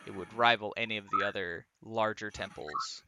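A man narrating as game master of a tabletop game, halting, with many restarts and laughs. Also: fairly low pitch, fairly even intonation, creaky, background noise.

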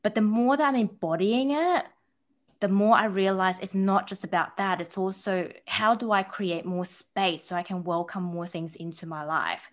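A bubbly woman in her thirties, born in Taiwan, whose speech carries an Australian accent. She talks as an interview guest, lively and animated, now and then acting out the voices of people she quotes. Her voice sits at a middle height for a woman. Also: mid-range voice, moderate pace. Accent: New Zealand and Australian. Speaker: podcast guest. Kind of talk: casual interview chat.

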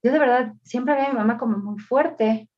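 A woman with a slightly breathy voice talks thoughtfully about raising children, agreeing with her friend and offering her own examples. Her voice comes through a somewhat dull, lo-fi recording. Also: on the high side, brisk. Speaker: mother in parenting chat. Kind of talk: casual chat.

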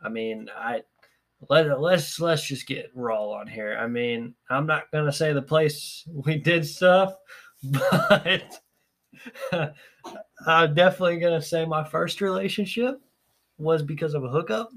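A man's voice: fairly high pitch, a little slow. A young man hosting a podcast, telling stories in casual chat with frequent laughs. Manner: animated, laughing storyteller. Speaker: podcast host.

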